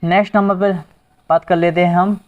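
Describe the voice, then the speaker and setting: A man's voice: high voice, level tone, fairly quick. A male teacher giving an exam-prep grammar lesson, asking the class questions and repeating the answers. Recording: dull lo-fi recording.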